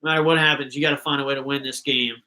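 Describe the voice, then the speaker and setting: A man's voice: medium pitch, fairly even intonation, rapid-fire, sharp tone, low-quality recording. A young man hosting a live fan reaction stream, chatting casually and rambling between thoughts.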